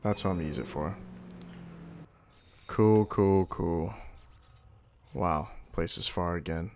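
A man's voice: sits low, slow pace, a little mellow, a little hiss or hum. A young man giving casual, crude and slangy gameplay commentary. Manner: crude, sweary, slangy muttering. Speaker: gamer, video player. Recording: game music behind the voice. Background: video game music.

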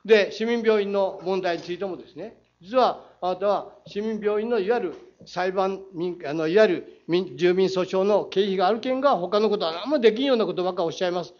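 A man with a Saga accent grills the mayor from the council floor, quoting passages and firing rhetorical challenges. His voice sits high for a man. The recording is a muffled, lo-fi council chamber feed. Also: brisk, few pauses, a little mellow. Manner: combative, reads quotes aloud, rhetorical challenges. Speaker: city council member. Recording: dull lo-fi council chamber audio.

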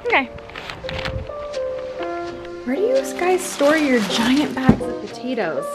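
A vlog host in her thirties chats casually to camera while cleaning the kitchen and laundry area of her home, background music playing. Her high, sing-song voice takes its time as she asks viewers questions conversationally.

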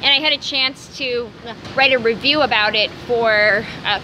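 A woman's voice: on the high side, normal speed, sharp tone, a little hiss or hum, poor audio. A woman in her thirties talks casually into a phone held at arm's length outdoors, rambling with fillers and restarts. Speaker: vlogger. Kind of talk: casual selfie vlog. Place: outdoors by city buildings.

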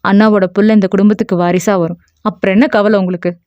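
A woman voicing a calm, stubborn young man in an audio novel, soothing yet dismissive toward his mother. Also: medium pitch, fast, no room sound, muffled recording, pitched below the performer's own voice, natural voice.

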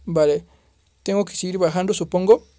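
A man doing excitable let's play commentary on a horror game, exclaiming and swearing at the scares. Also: sits high, moderate pace, no echo. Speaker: gaming youtuber.

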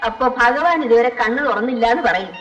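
A woman's voice: on the high side, animated, fast talker, fairly bright tone, muffled recording, faint music behind. An actress playing a doting, motherly older woman who fusses over a young bride in an affectionate way. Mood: fussing. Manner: affectionate, fussing. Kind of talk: 1970s film dialogue.

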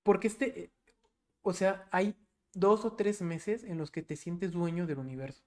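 Animated Mexican man telling a story. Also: sits high, unhurried. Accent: Mexican Spanish. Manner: animated storytelling, swearing freely. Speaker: podcast co-host. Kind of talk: casual chat.

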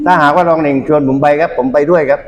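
A man's voice: a little high, fairly even intonation, rapid-fire, lo-fi sound. A man who is a local council member answering questions politely and deferentially. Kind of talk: casual interview.

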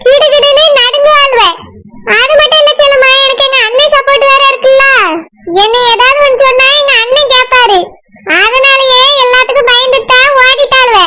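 A woman's voice: very high-pitched, fairly even intonation, normal speed. A woman voicing a bragging, bossy village aunt with a Tirunelveli accent. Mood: boastful. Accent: Tirunelveli Tamil. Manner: bragging, bossy, self-satisfied. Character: boastful domineering village woman, sister-in-law. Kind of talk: cartoon voice acting. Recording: loud background noise.

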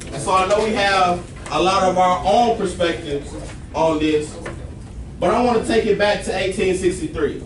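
His voice sits high and moves at a moderate pace as he hands out directions to a roomful of students, punctuated by "all right?" A camera at the back of the large classroom records it from a distance, echoey and noisy.

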